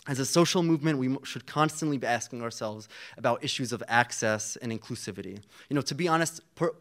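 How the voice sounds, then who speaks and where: A man's voice: mid-range voice, fast, a bit bright. Earnest young man giving a panel speech. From Palestinian. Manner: earnest, rallying, with frequent fillers and restarts. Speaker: student activist panelist.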